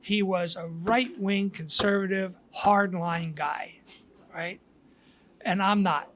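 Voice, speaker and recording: High-voiced older man telling stories. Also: steady tone, slow, fairly bright tone. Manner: storytelling, reflective, with frequent restarts. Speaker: guest author. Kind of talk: casual podcast conversation.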